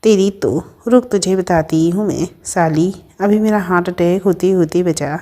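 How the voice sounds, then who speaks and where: Woman playing a brash young woman friend, blunt, scolding, mocking, storybook, lowish voice. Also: normal speed, warm tone, close to an everyday voice.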